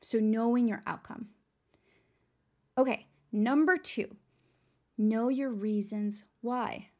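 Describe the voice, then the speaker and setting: Talking directly to her audience, this young adult podcast host from San Antonio, Texas, keeps her motivational show casual, chatty and upbeat. The voice is raspy and worn, pitched on the high side with a dark tone.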